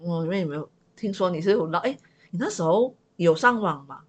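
A woman's voice: fairly low pitch, lively intonation, a little fast. A woman co-hosting a casual podcast chat, asking questions and often chiming in with short interjections. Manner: frequent short backchannels and interjections. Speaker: podcast co-host.

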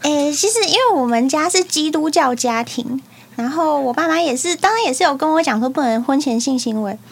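Young taiwanese woman on a podcast, high voice, just tells it straight, casual chat. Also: expressive, a little fast, vocal fry. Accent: Taiwanese Mandarin. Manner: frank, storytelling. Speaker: podcast co-host.

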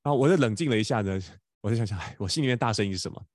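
A podcast host, rattling along at a quick clip and tripping over repeated words. His voice sits fairly low. The sound is dry and close, with no room around it. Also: lively intonation, darkish tone, no room sound. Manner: fast, stammering restarts, laughs often. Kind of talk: casual storytelling chat.

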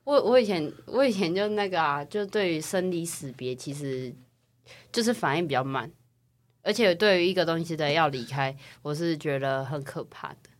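A young woman from Taiwan, co-hosting a casual podcast chat and telling personal stories in a chatty, animated way. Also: sits low, normal speed. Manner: chatty, animated storytelling with rising excitement. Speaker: podcast co-host.

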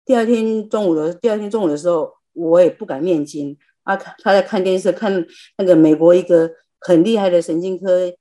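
Woman, mellow, fairly low voice, chatty storytelling, video call. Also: fairly quick. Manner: chatty, storytelling, self-deprecating. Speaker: lay practitioner sharing. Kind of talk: personal testimony in a group class.

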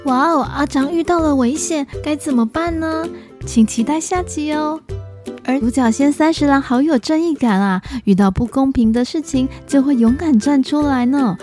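High, bright woman reading to a toddler. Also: normal speed, faint music behind. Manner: talks to small children as if reading to a toddler. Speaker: children's storyteller. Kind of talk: narrated children's story and quiz.

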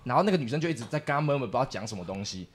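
A man telling a story as a podcast co-host, animated and acting out the people in it. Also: medium pitch, racing, husky. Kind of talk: casual storytelling chat.

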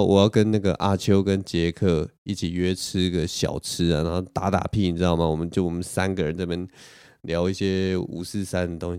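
A young man talks through a casual podcast story in a low, mellow voice. He rambles and pokes fun at himself. The recording is dry and close. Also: clear, resonant tone, no echo. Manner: rambling, self-mocking, with frequent laughs and restarts. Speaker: podcast host.

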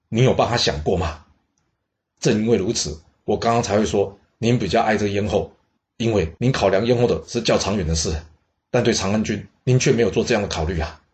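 A man voicing an elderly court minister who speaks slowly, politely and persuasively. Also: fairly low pitch, close to an everyday voice.

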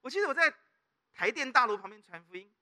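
A man's voice: very high-pitched, fast. A middle-aged male pastor with a Taiwanese Mandarin accent, preaching a sermon and often prompting the congregation with questions. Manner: animated preaching with call-and-response questions.

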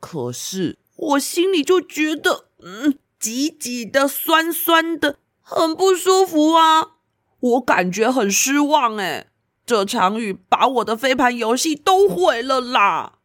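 A woman's voice: high voice, big pitch swings, takes it slowly, no echo, clean studio sound, pitched above the performer's own voice, exaggerated voice. A woman voicing a grumpy little boy who is easily upset, complaining in a whiny, sulky way while reading a storybook.

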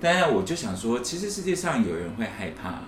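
Animated man telling a story. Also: mid-range voice, brisk. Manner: animated storyteller acting out quotes. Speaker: podcast co-host. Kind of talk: casual podcast chat. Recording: echoey room, faint hiss.

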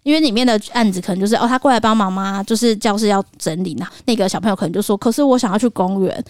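A woman's voice: mid-range voice, rapid-fire, a little mellow, no room sound, clean studio sound. A woman, co-hosting a casual podcast and animatedly acting out the lines of children and teachers as she explains. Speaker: podcast co-host. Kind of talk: casual chat.

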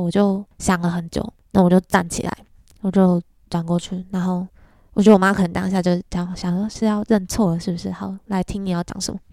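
A woman's voice: fairly low pitch, dark tone, no room sound, clean studio sound. A young woman with a Taiwanese Mandarin accent hosting a podcast, telling stories in a chatty, laughing way. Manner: chatty storytelling, frequent self-mocking laughs. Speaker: podcast host. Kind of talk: casual monologue.

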